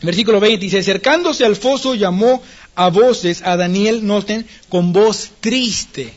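High-voiced man preaching a lively sermon. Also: moderate pace, lo-fi sound. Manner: animated preaching with acted-out quotes and laughs. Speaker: pastor.

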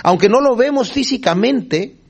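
With a very high-pitched, husky and expressive voice at normal speed, a male preacher reads Bible verses and unpacks them in a conversational style. He keeps checking in with his audience, frequently asking "¿verdad?", and chuckles while explaining.

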